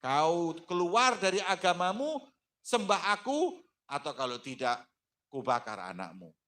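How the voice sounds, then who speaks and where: A man's voice: sing-song, measured pace, exaggerated voice. A man voicing a cruel male pharaoh tyrant who barks threats and orders. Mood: threatening. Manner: loud, high, barking threats.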